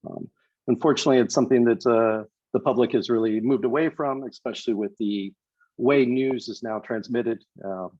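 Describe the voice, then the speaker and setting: A man giving a prepared candidate statement on a video call. He speaks in a measured way, with many hesitation fillers. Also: medium pitch, a little mellow, no echo, lo-fi sound. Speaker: candidate for party office.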